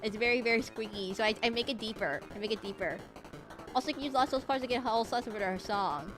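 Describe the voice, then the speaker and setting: In a rough recording with music behind her, a woman chats casually during a live game stream. Her slightly nasal voice is fairly high and quick, and her rambling talk is self-deprecating.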